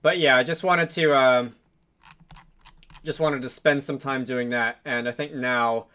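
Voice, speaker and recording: A man with a clean, sharp, medium-pitched voice and fairly even intonation talks at a measured pace through a game development tutorial. The screen recording is casual and unscripted, with him thinking aloud and musing as he goes.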